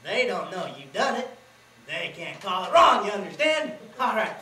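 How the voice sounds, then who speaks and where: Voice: mid-range voice, very animated, normal speed, bright, forceful tone. A student performer playing a boastful, sly old country grandfather who lectures with a cackling folksy drawl, on a school stage. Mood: boisterous. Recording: distant echoey auditorium recording.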